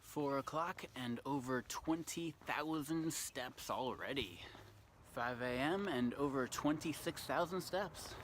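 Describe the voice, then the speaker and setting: A man's voice: mid-range voice, slow, a bit bright. A young man filming himself on a selfie stick as he walks city streets, chatting cheerfully and slurring slightly from the cold. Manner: upbeat, chatty, laughs at himself. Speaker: vlogger. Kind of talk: casual self-filmed vlog narration. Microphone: phone on a selfie stick. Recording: faint outdoor street noise.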